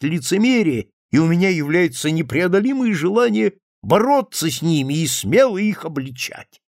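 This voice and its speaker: A maudlin drunk man pours out his heart in an emphatic, swinging voice with a gravelly edge, as a male reader puts him on. He pleads and boasts by turns in an audiobook reading. The sound is close and dry. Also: high voice, no echo, pitched above the performer's own voice, full character voice. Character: drunken, self-pitying male friend confessing.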